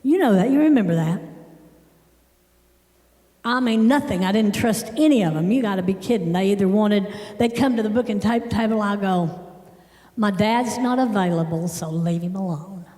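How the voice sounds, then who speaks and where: A middle-aged woman giving a sermon in a church, telling personal stories in an emphatic, animated way. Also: medium pitch, moderate pace. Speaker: church speaker. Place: church sanctuary. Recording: echoey church hall with long reverb.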